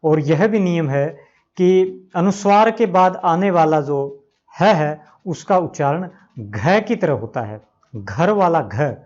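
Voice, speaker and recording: A man teaches grammar at an unhurried, measured pace and says each example word more than once, drawing the sounds out. His voice sits a little high for a man. The recording is dull and lo-fi. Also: expressive, a little mellow. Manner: slow, repeats examples, stretches out words to pronounce them. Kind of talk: explanatory lesson.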